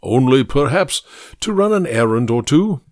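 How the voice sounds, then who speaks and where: A booming, self-satisfied fat gentleman holds court in a grand, patronizing tone, as a male audiobook reader puts him on. His voice swings widely up and down as he lectures, and the recording is close and dry. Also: very animated, normal speed, no room sound, close to an everyday voice. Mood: genial, patronizing. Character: fat, genial, pompous older gentleman who lectures. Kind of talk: audiobook character voice.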